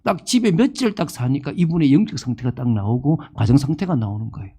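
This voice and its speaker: A man's voice: medium pitch, lively intonation, fast, dark tone, slightly rough. A man in his fifties preaching a sermon as pastor, asking the congregation questions and acting out the people he quotes. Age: 50s.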